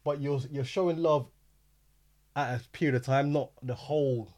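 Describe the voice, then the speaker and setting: A young man chatting with friends, giving slightly hesitant, measured explanations. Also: medium pitch, fairly even intonation, a little mellow. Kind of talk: casual banter among friends.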